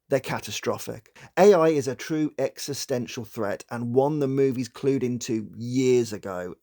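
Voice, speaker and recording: A man hosting a psychology channel, giving scripted video-essay narration in a measured, explanatory way. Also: medium pitch, darkish tone.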